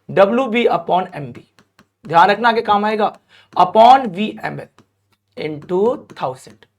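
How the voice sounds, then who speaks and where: Male teacher, high voice, lively coaxing lecture, draws out key terms. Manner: lively, coaxing, often asks students questions; stretches out key terms slowly. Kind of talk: classroom lecture to students.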